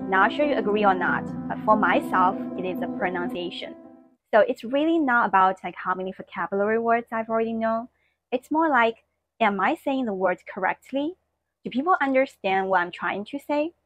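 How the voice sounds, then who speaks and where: A woman whose first language is Mandarin Chinese speaks English with a Mandarin accent, teaching an online lesson slowly and clearly and demonstrating tones. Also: mid-range voice, expressive, highs cut off, soft background music.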